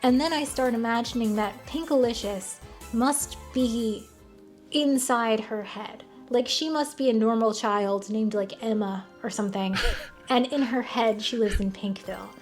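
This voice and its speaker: A woman from the United States, a video commentator, speaks a little slowly in a fairly high voice. She offers casual, opinionated commentary in a blunt, wry, conversational way, with music playing in the background.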